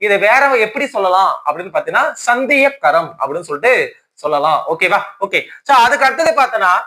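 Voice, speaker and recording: A man's voice: high voice, big pitch swings, sharp tone. A man teaching an exam-prep grammar lesson who says each key term twice and keeps asking if the class follows. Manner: repeats key terms, keeps checking with "okay?"; slow, dictation-like repetition of terms.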